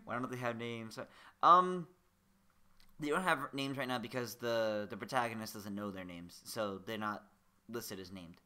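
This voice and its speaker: Bright-voiced young man chatting on stream. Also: lowish voice, normal speed. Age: young adult. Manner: rambling, chatty storyteller. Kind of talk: casual let's-play chat.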